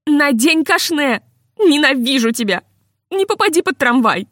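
Give a woman playing a devoted, proud wife in a storybook. Her voice is high and piercing, she is loud and near tears, and the sound is dry and close. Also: big pitch swings, moderate pace, no echo. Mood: sobbing, furious. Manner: proud, shrill, sobbing outbursts.

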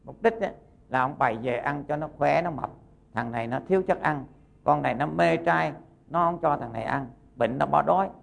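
A Buddhist monk, a man whose voice sits a touch high and carries a heavy gravelly rasp. He tells a folk tale in a homely storytelling manner and slips into the characters' lines as he goes. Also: normal speed. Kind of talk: sermon storytelling.

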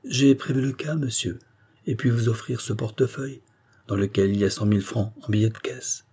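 A man voicing a persuasive aristocratic baron who talks in a smooth, insistent, coaxing way in an audiobook reading. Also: mid-range voice, brisk, dark tone, close to an everyday voice.

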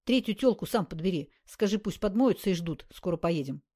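A woman voicing a loud, boastful male gangster who talks in rough slang. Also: on the low side, expressive, fairly quick. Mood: boisterous.

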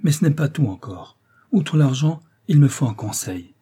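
A man's voice: expressive, normal speed, mellow, husky. A man voicing a flighty tearful viscountess. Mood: urgent pleading. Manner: pleading, breathless, high-strung.

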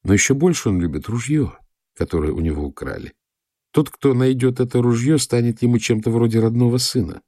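A man calmly reading a first-person story as an audiobook narrator. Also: medium pitch, a little fast, no room sound, clean studio sound.

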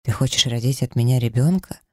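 A man reading a romance audiobook, voicing a confident man in love who speaks softly and reassuringly. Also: medium pitch, fairly quick, no echo, studio quality, close to an everyday voice. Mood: tender. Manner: soft, warm-hearted and reassuring.

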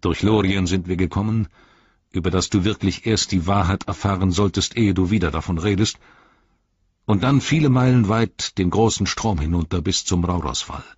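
A man reading as a grieving, solemn royal ranger in a measured, low voice. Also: breathy edge, no room sound, dull audio. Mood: grave. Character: grieving grave royal ranger, male, adult.

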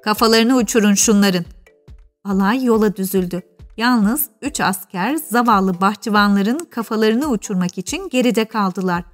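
A woman narrating a classic children's storybook in a measured, expressive reading. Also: mid-range voice.

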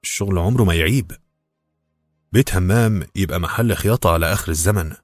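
A proud, curt Egyptian husband, read by a man, low-voiced and calm with a bitter, sarcastic edge. The voice is dry and close, with soft music in the background. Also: quick pace, no room sound. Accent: Egyptian Arabic. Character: proud, curt older Cairene husband fallen on hard times.

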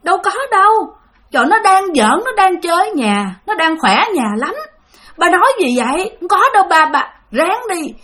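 A woman's voice: very high voice, big pitch swings, moderate pace, a bit bright, voice pushed up, exaggerated voice. A woman with a Southern Vietnamese accent voicing a grieving young woman who speaks in an emotional, pleading way. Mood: anguished. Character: grieving young woman hiding bad news.

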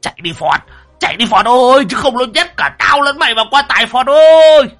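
A man voicing a terrified old man who wails and stammers in a shrill voice. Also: lively intonation, brisk, gravelly, a bit bright, soft background music, full character voice. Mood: panicked shrieking.

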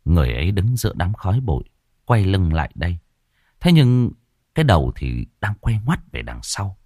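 Brief: expressive male horror narrator, low and animated, faint music behind. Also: moderate pace, dry recording, studio quality. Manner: expressive storytelling. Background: faint background music.

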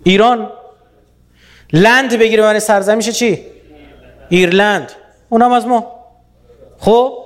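A man from Iran giving a lively public lecture, often quizzing his audience with rhetorical questions. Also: high-pitched.

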